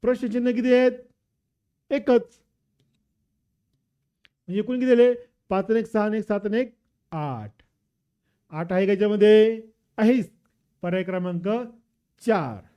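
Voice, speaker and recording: A man's voice: high voice, unhurried, long pauses, clean tone, dull audio. A man teaching with a Marathi accent, walking through an exam paper and drilling students with repeated questions and answers. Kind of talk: exam paper walkthrough lesson.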